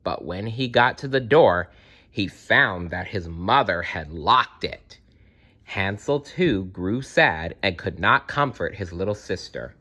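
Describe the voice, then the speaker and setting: With a voice that is bright and forward despite being a little low, a man reads a children's fairytale at a slow pace. As the storyteller, he is expressive and addresses the kids directly.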